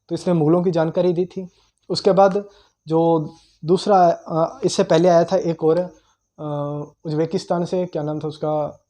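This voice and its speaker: A young man teaches history in a relaxed, conversational way. His voice sits a little high but has a mellow, warm tone. He repeats key names for emphasis and often stops with "uh" while he searches his memory. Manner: conversational, repeats key terms, frequent "uh" pauses while recalling. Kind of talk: informal history lecture.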